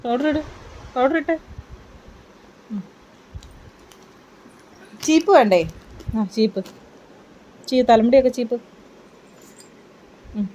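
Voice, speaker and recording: A woman's voice: fairly high pitch, lively intonation, slow, pauses often, mellow, slight background noise. A mother talking to her baby at home in coaxing, sing-song baby talk.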